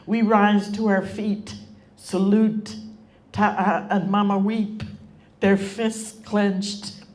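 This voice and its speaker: A woman reads her own poetry to a live audience. Her delivery is slow and deliberate, with a steady rhythmic cadence. Her voice sits in a middle register and carries quiet feeling. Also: medium pitch. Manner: emotionally moved at points. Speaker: author reading her own work.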